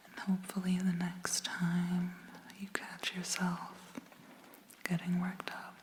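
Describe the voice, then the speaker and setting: A woman whispering a gentle, reassuring ASMR pep talk in a breathy voice, slowly and with long pauses. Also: lowish voice, completely flat delivery, slight background noise. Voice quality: breathy, mostly unvoiced whisper. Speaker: ASMR host.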